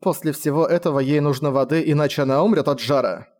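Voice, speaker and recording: A pleading, indignant young village woman, as a male narrator puts her on, lifted a little higher than his usual tone. Her lines stay urgent and earnest throughout the storybook scene. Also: fast, a little mellow, lightly acted. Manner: pleading, slightly raised voice.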